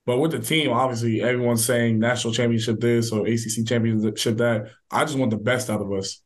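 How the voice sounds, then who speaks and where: A young man talking quickly about his game in a loose interview chat. His voice sits at an ordinary pitch, and he rattles through his answers with casual fillers and restarts. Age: young adult. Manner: relaxed, filler-heavy, quick talk. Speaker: college football player.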